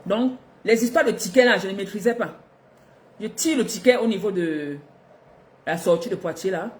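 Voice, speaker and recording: A middle-aged woman from Africa, telling a personal story to her viewers in a lively, expressive way, laughing between lines. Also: mid-range voice, normal speed. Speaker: vlogger.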